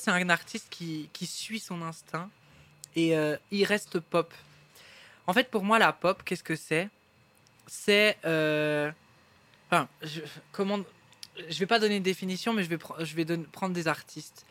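Bright, high-voiced man. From Belgium. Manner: enthusiastic, rambling with frequent restarts. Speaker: guest singer. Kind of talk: casual interview chat. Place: restaurant.

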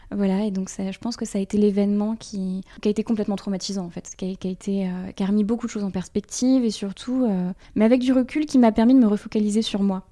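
A woman talks openly as a podcast guest, her voice mellow and warm. She pauses and fills gaps as she goes, and laughs often. Her pitch sits in the middle range. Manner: halting, full of fillers, laughs often. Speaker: interview guest, brand designer. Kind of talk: candid podcast conversation.

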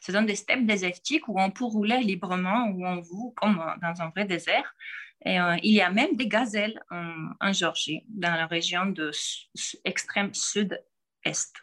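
With frequent pauses and restarts, a Georgian-accented woman in her forties works through a podcast interview. Her medium-pitched voice comes across a bit bright.

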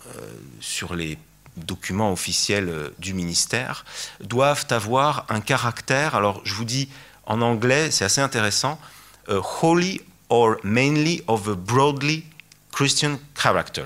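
A man's voice: fairly low pitch, fairly bright tone. A man giving a lecture talk, hesitant, with many fillers and restarts. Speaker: conference speaker.

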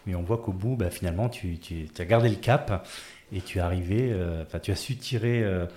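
Podcast host guy, lowish voice, echoey room, rambles his questions a bit. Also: a little fast, mellow. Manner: friendly, rambling questions with fillers. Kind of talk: casual interview talk. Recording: roomy echo.

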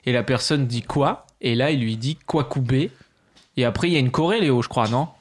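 A man's voice: medium pitch, brisk. A man hosting a radio show, joking and teasing his co-hosts in casual banter. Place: radio studio.

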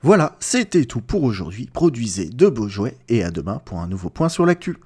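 A man acts as an upbeat male morning presenter on a comic Christmas elf radio show. His delivery is very animated and tongue-in-cheek, with a mellow, slightly husky tone. He reads the scripted bulletin like a cheerful announcer. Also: medium pitch, moderate pace. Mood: upbeat, playful.

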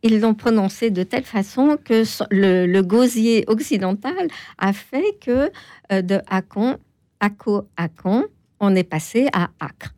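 A woman guest explaining things in an interview, hesitant, with many pauses and fillers. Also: mid-range voice, animated, mellow, no echo. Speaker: toponymy expert guest. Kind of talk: interview answers.

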